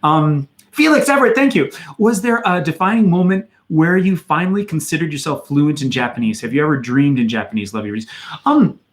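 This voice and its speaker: This channel host, a man in his thirties with an American accent, hails from Madison, Wisconsin, USA, and casually answers questions from his livestream chat, reading them out first. His voice runs on the high side and a little fast, with lots of fillers in a loose, chatty manner.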